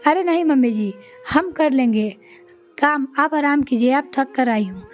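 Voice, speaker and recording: A woman's voice: high voice, expressive, normal speed. A woman voicing a patient, polite young daughter-in-law in a storybook tale. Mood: gentle. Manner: polite, gentle.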